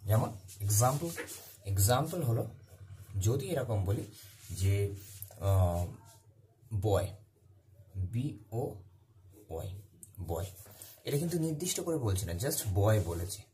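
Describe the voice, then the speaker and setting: A man's voice: fairly low pitch, big pitch swings, a little slow, pauses often, mellow, slight background noise. A man teaching a grammar lesson, who keeps repeating key words and answers his own questions. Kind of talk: classroom-style grammar lesson.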